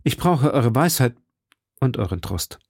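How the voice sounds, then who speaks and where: A man voicing an impetuous young swordsman in an audiobook, speaking urgently and a little higher than his narration. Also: sing-song, a little slow, darkish tone, slightly rough, no room sound, clean studio sound, heavily acted. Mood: earnest. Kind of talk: audiobook character voice.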